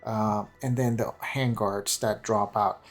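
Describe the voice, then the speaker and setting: Over background music, a man who hosts a gaming channel rambles through unscripted game commentary, hesitating and often repeating or correcting himself. His voice sits on the low side and is steady and slow.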